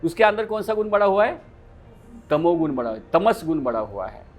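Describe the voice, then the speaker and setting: A yoga teacher lectures his class in a high, animated voice that swings widely in pitch. He keeps putting questions to the room and answering them himself. Faint music plays behind him. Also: moderate pace.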